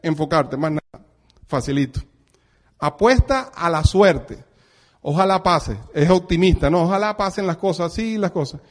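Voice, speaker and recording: Venezuelan man, middle-aged, high-pitched, lively motivational speaker who acts out dialogue. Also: normal speed. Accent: Venezuelan Spanish. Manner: animated, acts out dialogue, chuckles often. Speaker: network marketing speaker. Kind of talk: motivational talk to an audience.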